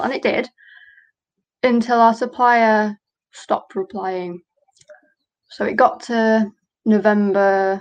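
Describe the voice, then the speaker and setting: A woman's voice: medium pitch, rough recording. Candid businesswoman guest, earnest, recounting in conversation. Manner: earnest, candid, reenacts quotes. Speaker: guest, small business owner. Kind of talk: conversational storytelling.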